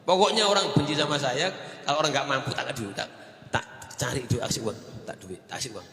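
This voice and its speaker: A man preaching a sermon, telling stories with animated delivery. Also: mid-range voice, fairly quick, vocal fry. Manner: storytelling, animated, mixes in Javanese phrases. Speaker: Islamic preacher. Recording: echoey hall with long reverb.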